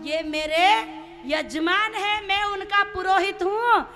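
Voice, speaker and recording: A patient, playful god in disguise as a wandering priest, voiced by a woman telling a sacred story. He calls out blessings in a high, bright, chanting voice. He takes his time and teases the people he is testing. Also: slow, big-room sound, full character voice.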